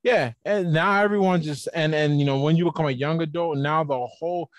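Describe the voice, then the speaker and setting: A man's voice: a little high, fairly even intonation, brisk, no room sound. A man being interviewed on a podcast, explaining his ideas at length in a casual, conversational way over a video call. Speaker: podcast guest.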